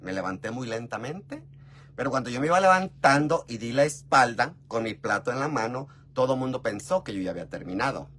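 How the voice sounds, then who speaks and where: A man's voice: fairly quick, husky. Chatty Mexican man telling a story. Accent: Mexican Spanish. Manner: chatty and gossipy, often calls the listener "mi amor"; expressive, with big jumps in pitch and volume. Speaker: vlogger. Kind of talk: casual storytelling chat.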